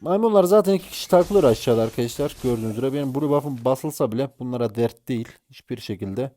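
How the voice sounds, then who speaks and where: A man's voice: mid-range voice, quick pace, mellow. A man giving gameplay commentary while playing a mobile game, exasperated and ranting at his teammates.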